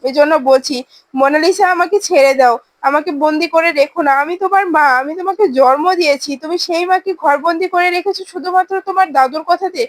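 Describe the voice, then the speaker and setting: A woman's voice: very high-pitched, fast talker, no room sound. A woman voicing a desperate mother locked in a room, pleading and reproaching her captors.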